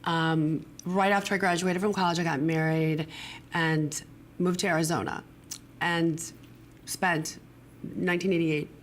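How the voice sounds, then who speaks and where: A low-voiced middle-aged woman with a pronounced smoker's rasp. She tells her personal story in a candid, conversational way as an interview guest. Faint noise sits behind her voice. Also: flat delivery, a little slow. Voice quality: raspy smoker's rasp from damaged vocal cords. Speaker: guest, acupuncturist and integrative medicine doctor. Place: broadcast studio.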